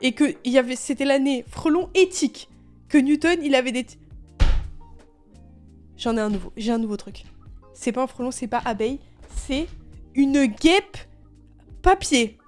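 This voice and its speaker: High-voiced young woman ranting. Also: normal speed, long pauses, faint music behind. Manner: animated, swearing, laughing often, exasperated. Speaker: streamer. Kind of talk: casual storytelling while gaming.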